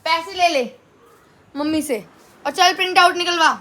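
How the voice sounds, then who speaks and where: A woman's voice: very high-pitched, fairly even intonation, moderate pace, background noise. A young woman at home, scolding her younger brother and bossing him around in a family argument. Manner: scolding, bossy. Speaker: elder sister.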